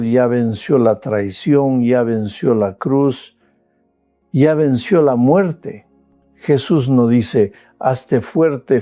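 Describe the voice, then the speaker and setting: An older man preaching a sermon as a pastor, slow and measured, with dramatic pauses and surges of emotional emphasis. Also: mid-range voice, dark tone, no echo.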